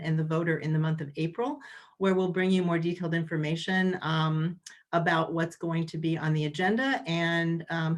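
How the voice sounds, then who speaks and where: Chatty woman wrapping up a webinar. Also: on the low side. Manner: chatty, many ums and restarts. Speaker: event organizer closing a webinar. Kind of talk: casual closing remarks. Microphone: video call.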